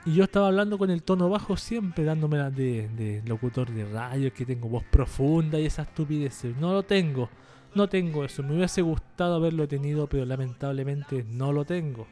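A man's voice: a little high, normal speed, mellow, faint music behind. A man hosting a casual podcast monologue, joking and rambling, using a lighter voice than before. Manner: jokey, rambling, self-mocking. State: trying a lighter, less forced voice. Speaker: podcast host.

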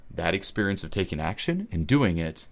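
A man's voice: sits low, big pitch swings, brisk. A man from Switzerland giving a blunt, emphatic motivational webinar talk, swearing freely and often checking in with "okay?".

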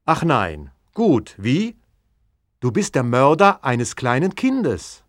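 A man's voice: mid-range voice, big pitch swings, slow, no echo, studio quality. A man playing a horrified, indignant scientist who narrates his own tale in a storybook audio drama. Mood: wary.

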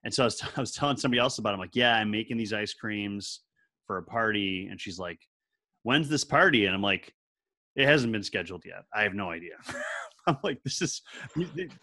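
A podcast co-host with a lowish, quick-paced voice tells rambling stories in a casual chat, his delivery animated and meandering.

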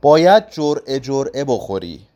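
A man's voice: medium pitch, big pitch swings, dark tone, natural voice. A man voicing a cruel, domineering aging aristocrat who speaks in curt commands.

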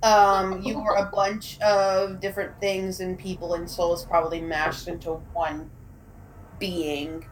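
A woman's voice: fairly low pitch, little pitch movement, slow, a little hiss or hum, low-quality recording. A woman player in a casual tabletop role-play who talks bluntly and sarcastically and swears freely.

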